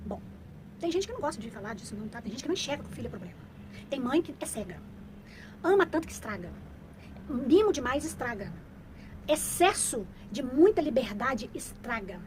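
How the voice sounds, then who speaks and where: A woman's voice: high voice, sing-song, a little fast, slight background noise, poor audio. A middle-aged woman talking casually to viewers as a mother giving parenting advice, emphatic and preachy, repeating her points for stress.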